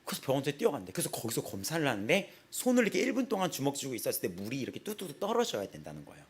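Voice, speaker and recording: A young man in his twenties preaching a casual sermon in a small church, telling personal stories with lively acted-out quotes and frequent laughter. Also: medium pitch, very fast, husky. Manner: animated storytelling, acts out quotes, laughs often. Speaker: pastor.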